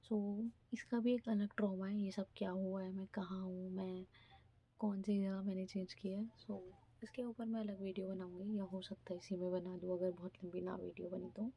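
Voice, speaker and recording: Soft-voiced young woman vlogger, husky. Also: mid-range voice, moderate pace, dull audio. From India. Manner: chatty, animated retelling with mimicry; speaks softly, half-whispering at times. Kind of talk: casual storytelling vlog.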